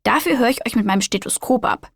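A woman's voice: fairly high pitch, lively intonation, fast talker, creaky, no room sound, studio quality. A woman voicing a kind, patient male children's doctor in a storybook, encouraging and explaining.

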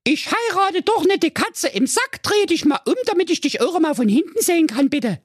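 Shrill furious young princess. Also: male voice, expressive, normal speed, dry recording, studio quality. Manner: screeching, crude.

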